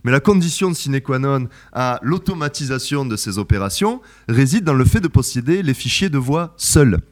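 Male researcher giving a methodical academic presentation, steady and careful, with frequent hesitations. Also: medium pitch. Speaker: researcher presenting his work.

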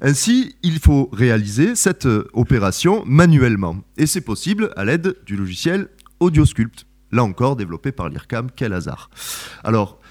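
Male researcher giving a methodical academic presentation, steady and careful, with frequent hesitations. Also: medium pitch, normal speed. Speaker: researcher presenting his work.

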